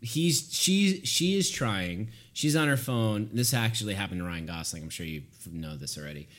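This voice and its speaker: A man's voice: fairly low pitch, fairly quick, a bit bright. A man co-hosting a casual podcast chat about films, telling stories animatedly and swearing freely. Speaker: podcast co-host.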